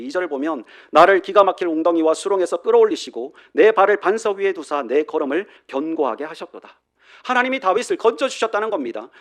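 A man preaching a sermon in a church, his fairly high voice rising and falling in wide, animated swings. He lands loud, emphatic declarations and then drops to hushed endings. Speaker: pastor.

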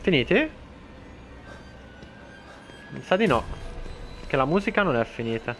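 A man giving casual let's play commentary, talking to the enemies on screen and shouting when startled. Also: fairly high pitch, measured pace, faint music behind. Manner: excitable, talks to enemies, shouts in alarm. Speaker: gameplay commentator.

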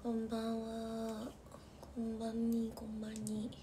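Talking from her bedroom on a late-night livestream, a young woman speaks at a measured pace in a monotone, slightly high voice over background noise. She's chatty but soft, laughing often and frequently slipping into a whisper.

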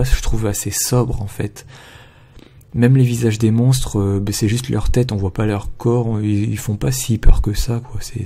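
A man with a fairly low, dark voice and a gravelly fry, chatting through an album review for his channel. He talks hesitantly, stopping often on filler sounds as he gathers his thoughts. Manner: hesitant, with frequent filler pauses. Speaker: video blogger reviewing albums. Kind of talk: casual spoken review.

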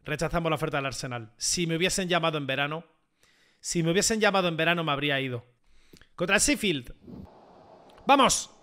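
A man giving excitable gameplay commentary, repeating phrases and bursting into shouts. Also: fairly high pitch, fast, clean tone. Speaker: gaming YouTuber.

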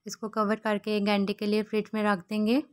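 A woman hosting a cooking channel, giving calm step-by-step recipe instructions as a voice-over. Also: mid-range voice, brisk. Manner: calm, even instructions in short steps.

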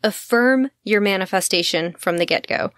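A woman's voice: medium pitch, moderate pace, a bit bright, dry recording. Woman podcast host, frank and swearing, dry close sound, mid-range voice. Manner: candid and blunt, swears casually; laughs easily mid-sentence. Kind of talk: casual self-help podcast talk.

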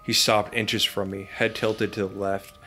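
A man's voice: lowish voice, flat delivery, measured pace, pushed and bright, a little hiss or hum. A man hosting a podcast, reading a scary campfire story aloud with dramatic delivery. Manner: dramatic reading broken by laughter. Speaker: podcast host.

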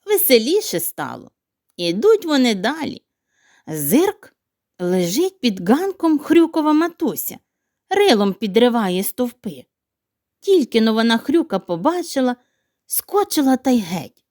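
A woman narrating a children's fairy tale in an animated, playful storytelling manner. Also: a little high, a little slow, dry recording, studio quality.

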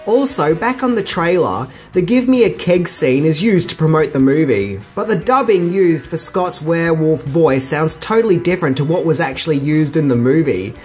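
A man's voice: a little high, animated, normal speed, few pauses, a little mellow. Casual male trivia host over music. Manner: casual, slangy asides. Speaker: video host. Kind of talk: scripted film trivia narration.

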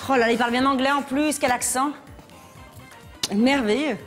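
A woman's voice: sits high, faint music behind. A woman hosting a TV talent show, bantering playfully with a magician on stage. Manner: playful, chatty, quick quips. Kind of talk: bantering with a performer. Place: TV studio stage.

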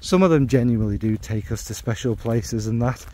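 A fragrance video maker rambles about his hobby on a rainy outdoor dog walk, wryly questioning himself as he thinks out loud. He talks briskly in a mid-range voice.

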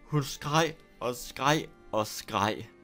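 A man narrating a scary story in a steady, deliberate storytelling manner. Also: medium pitch, soft background music. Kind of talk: scripted horror story narration.

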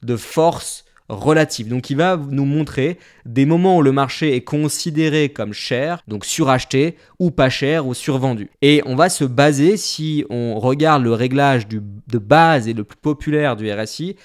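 A man walks viewers through a charting tool in a screen-share lesson. His voice sits at an ordinary middle pitch, and he explains each step plainly and directly. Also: unhurried, few pauses. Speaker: trading instructor.

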